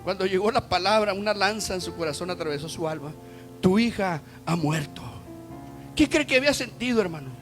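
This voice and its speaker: Man, preacher, sermon, high voice, dramatic loud-to-hushed swings, faint music behind. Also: lively intonation, quick pace, few pauses. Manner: addresses listeners as "hermano".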